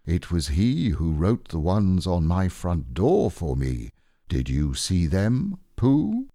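Man voicing Owl, slow and pompous. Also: sits low, sing-song, warm tone, no echo, clean studio sound, exaggerated voice. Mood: self-satisfied. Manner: pompous, ponderous, explanatory. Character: self-important, long-winded male owl. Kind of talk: storybook character reading.

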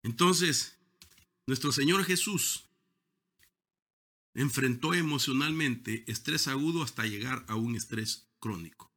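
Bright, forceful male preacher. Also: mid-range voice, a little slow, pauses often. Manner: emphatic preaching, stretching key words, repeats himself. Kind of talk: sermon.

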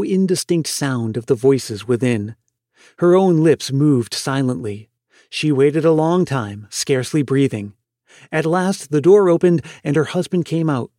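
A male host reads an old story aloud with slow, expressive care. His voice sits a bit high, and the recording is dry and close with no room sound. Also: no echo. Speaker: podcast host reading a story. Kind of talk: storytelling narration.

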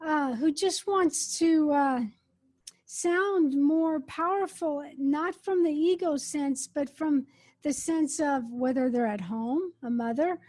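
A woman's voice: high voice, takes it slowly, darkish tone. A woman hosting a casual interview, chatty and enthusiastic, who often jumps in with questions. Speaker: interview host.

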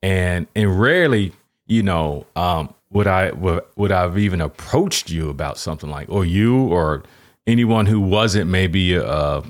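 Male podcast host, deep low voice, rambling questions, repeats himself. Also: animated, unhurried. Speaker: podcast host and Navy chaplain. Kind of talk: casual interview talk.

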